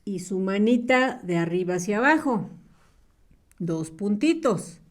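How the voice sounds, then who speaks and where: A woman teaching young children to read and write, patient and clear, drawing out her words in a sing-song way. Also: mid-range voice, expressive, a little slow. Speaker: primary school teacher. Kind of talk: slow, clear early-reading lesson for small children.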